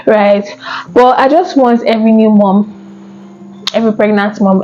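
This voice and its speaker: An earnest woman talks straight to camera, telling her own story and checking in with viewers as she goes. Her voice sits at a middle pitch, and the sound is a little dull. Faint music plays underneath. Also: a little mellow. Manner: earnest, conversational, asks viewers questions. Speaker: vlogger. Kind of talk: personal story and advice to camera.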